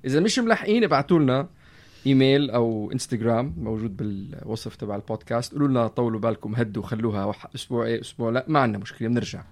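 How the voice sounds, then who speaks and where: A man in his thirties with a Levantine Arabic accent, hosting a casual podcast in an animated way, repeating phrases for emphasis. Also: medium pitch, rapid-fire. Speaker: podcast host. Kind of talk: casual conversational podcast chat.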